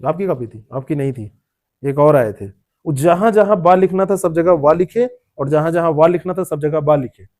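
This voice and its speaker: A man's voice: fairly high pitch, moderate pace, a little mellow. A man teaching a classroom lecture, explaining word meanings, repeating terms and quizzing students by name. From India.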